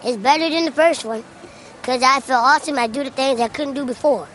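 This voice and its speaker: Cocky high-pitched teenage boy. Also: fairly quick, a bit bright, slight background noise, rough recording. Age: 15-year-old. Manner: cocky, playful trash talk. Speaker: award-winning guest.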